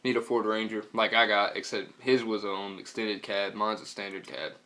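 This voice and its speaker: A man's voice: lowish voice, fairly even intonation, normal speed, bright, forceful tone. A young man with a Southern US accent telling a story casually in a slangy, profane, rambling way. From North Carolina, US.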